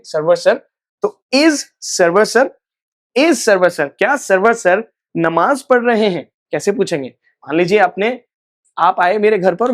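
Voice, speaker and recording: Male spoken-English tutor, patient classroom delivery, slows right down on model sentences. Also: sits high. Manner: repeats example sentences slowly and deliberately. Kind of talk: live online class explanation.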